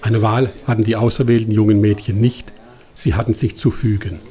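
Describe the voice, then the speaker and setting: A man reads a travel documentary voice-over in a calm, measured way. His voice sits a little low and sounds warm and mellow. It has the even delivery of scripted narration.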